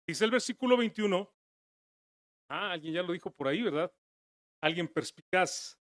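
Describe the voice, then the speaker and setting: A man preaching a sermon as pastor, earnest, dropping his voice low and soft and then rising to emphatic declarations. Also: expressive, normal speed, no echo, studio quality. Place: church.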